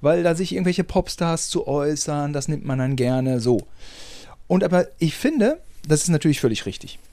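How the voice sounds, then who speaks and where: A man hosting a casual podcast, his voice sitting a little high and swinging widely in pitch. He talks animated and self-mocking, dropping the odd swear. The sound is dry and close to the mic. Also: moderate pace, no room sound. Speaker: podcast host.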